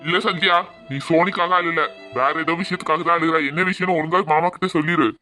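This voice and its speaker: A man's voice: on the high side, fairly even intonation, quick pace, pushed and bright, soft background music. A man voicing a kind uncle who comforts and reassures. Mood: gentle, comforting. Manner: soothing, reassuring.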